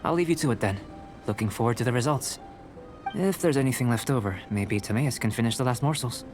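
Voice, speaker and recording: A man playing a composed young alchemist in a video game, speaking in a measured, formal, analytical manner. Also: medium pitch, music in the background, natural voice. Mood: calm, analytical. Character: calm, courteous young male alchemist and researcher. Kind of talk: video game character dialogue.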